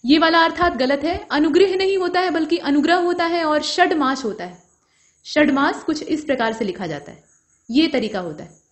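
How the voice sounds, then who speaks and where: A woman's voice: sits high, animated, moderate pace. A woman teaching an exam-prep grammar lesson, explaining each answer step by step and putting questions to the viewer.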